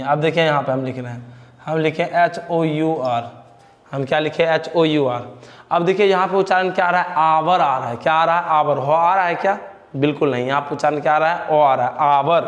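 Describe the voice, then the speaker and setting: A man's voice: a little high, long reverb tail. A male teacher with a Bihari Hindi accent giving a grammar lesson, asking questions and answering them himself, repeating key words.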